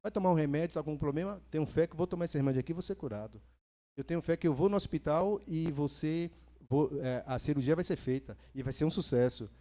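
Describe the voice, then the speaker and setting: A man from Brazil preaching a sermon in a church, lively, repeating phrases for emphasis and asking the congregation questions. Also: fairly high pitch, fast talker.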